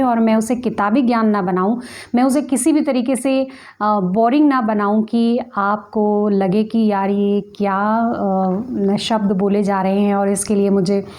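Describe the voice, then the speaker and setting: A woman teaching pronunciation for poetry writing, speaking in a relaxed conversational way. Her voice is mellow and warm at a middling pitch. She explains patiently and demonstrates each word by saying it more than once. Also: normal speed. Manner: patient, explanatory, demonstrates words by repeating them.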